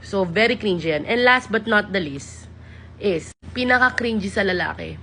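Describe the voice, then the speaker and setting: A woman's voice: mid-range voice, expressive, normal speed, sharp tone, slight background noise. A woman vlogger talking casually to camera, switching between Tagalog and English, sassy and exasperated, mocking men's lines in a teasing voice.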